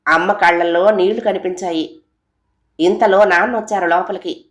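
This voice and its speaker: A woman's voice: lowish voice, steady tone, moderate pace, echoey room. A woman narrating an audio story, reading aloud and voicing each character with small shifts.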